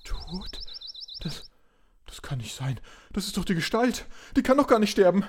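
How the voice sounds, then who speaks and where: A man playing a high-strung fussy professor. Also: quick pace. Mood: distraught. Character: fussy, easily rattled male professor adventurer.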